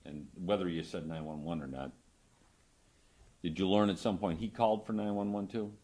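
Deep-voiced male lawyer questioning a witness. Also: fairly even intonation, a little mellow, slight background noise. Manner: conversational, halting phrasing, tags questions with "right?". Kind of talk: courtroom questioning.

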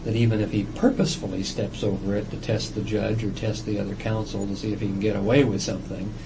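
A man with a fairly low voice speaks as a psychiatrist in an evaluation interview. He explains deliberately and at length, pausing and hesitating as he goes. The recording is a noisy old interrogation-style tape. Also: flat delivery. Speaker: psychiatrist doing a competency examination.

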